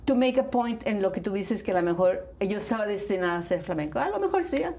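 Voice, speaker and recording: A woman's voice: medium pitch, lively intonation, quick pace, a little mellow. Chatty Mexican woman, flamenco dancer. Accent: Mexican Spanish. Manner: chatty, switches into English phrases. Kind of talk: casual interview chat.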